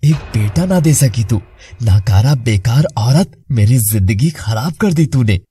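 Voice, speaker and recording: A man voicing a cruel, drunken husband in an animated story, sneering and contemptuous, stammering when scared. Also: mid-range voice, unhurried, faint music behind, lightly acted. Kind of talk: dramatic animated story voice acting.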